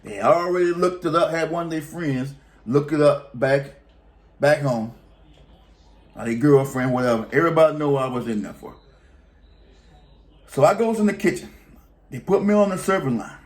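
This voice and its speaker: A man's voice: a little high, normal speed, pauses often, darkish tone. A man telling a long story in a casual, rambling, colloquial way, often restarting his sentences. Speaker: vlogger.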